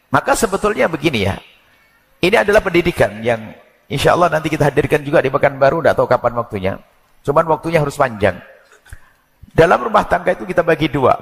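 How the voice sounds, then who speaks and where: A man giving an Islamic sermon on marriage, animated and joking, acting out quoted voices. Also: fairly high pitch, gravelly, in a large hall. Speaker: preacher.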